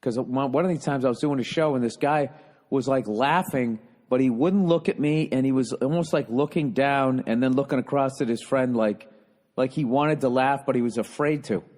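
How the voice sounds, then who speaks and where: A man's voice: mid-range voice, normal speed, darkish tone. Rambling, profane man with reverb. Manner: rambling, profane, trailing off and restarting. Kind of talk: casual rambling monologue.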